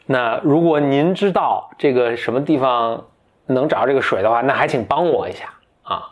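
A man's voice: medium pitch, moderate pace, lightly acted. A man voicing a humble, polite youngest prince who speaks courteously and earnestly.

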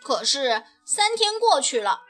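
A woman reading a children's picture book aloud with expressive, lilting storytelling. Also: high-pitched, measured pace, soft background music.

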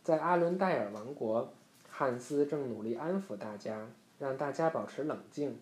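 A man reading a bedtime story aloud to a child in a gentle, steady narrating voice. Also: mid-range voice, normal speed, slight background noise. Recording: roomy echo.

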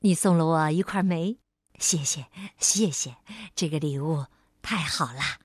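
A woman playing a softly polite perfect gentleman. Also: low-pitched, measured pace, breathy edge, no room sound, clean studio sound, voice pushed down. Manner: polite, soft and courteous.

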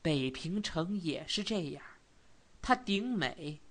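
A woman reading an audiobook voices a gentle older male scholar who speaks softly and in a measured way. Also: animated. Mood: sorrowful. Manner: soft, low-voiced, measured.

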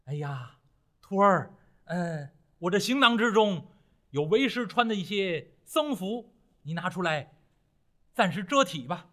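A man voicing a kindly male Buddhist monk master who speaks softly and with care. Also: high-pitched, expressive, measured pace, full character voice. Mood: caring.

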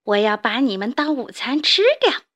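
A woman's voice: a little high, moderate pace, fairly bright tone. A woman voicing a hissing hungry snake. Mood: menacing. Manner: hissing, threatening.

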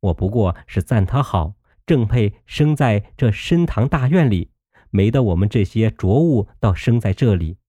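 Male reader doing an earnest young nobleman; eager, placating, dark-toned. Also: fairly low pitch, expressive, moderate pace, no echo, clean studio sound.

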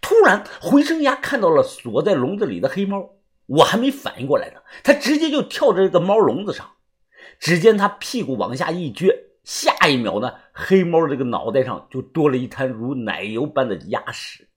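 A man narrating a first-person audiobook story in a lively, swinging storyteller manner. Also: fairly high pitch, normal speed, slightly rough.

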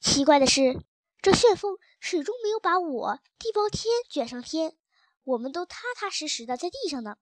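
High-voiced woman reading a children's story. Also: normal speed, dry recording. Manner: lively expressive reading. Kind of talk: children's story narration, first-person cat.

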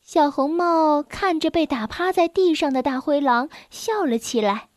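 A woman narrating a children's storybook in a clear, expressive way. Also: high voice, unhurried, no room sound, studio quality.

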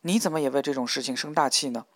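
A man voicing a gentle, anxious young woman in an audiobook, speaking softly and pleadingly. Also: a little high, animated, fairly quick, dry recording, clean studio sound, close to an everyday voice.

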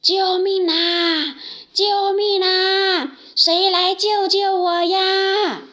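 A woman voicing a big proud male lion in a children's story, speaking in loud shouts. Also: high-pitched, expressive, a little slow, highs cut off. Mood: desperate pleading.

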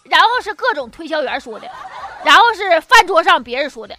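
A high-voiced woman with a Northeastern Chinese accent delivers a comic monologue. Her intonation swings widely, and she talks in a folksy, chatty way as a show host. Music plays behind her. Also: very animated, brisk, sharp tone. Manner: chatty, folksy, often chuckling. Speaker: comedy talk show host. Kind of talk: comic monologue with jokes and anecdotes.

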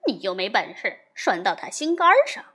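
A woman's voice: medium pitch, very animated, fairly bright tone, breathy edge, voice pushed down. Woman playing a cocky teasing monkey king. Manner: teasing, brisk.

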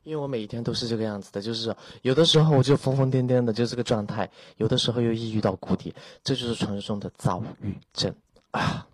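A man's voice: mid-range voice, fast talker, darkish tone, no room sound. A man hosting a voice chat room, talking in a playful, dramatic, self-mocking way from an empty room. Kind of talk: casual chat.

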